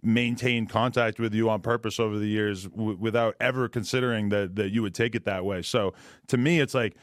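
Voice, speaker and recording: Low-voiced rambling podcast host. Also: male voice, fairly even intonation, brisk, dry recording, clean studio sound. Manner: rambling, emphatic. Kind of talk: casual chat.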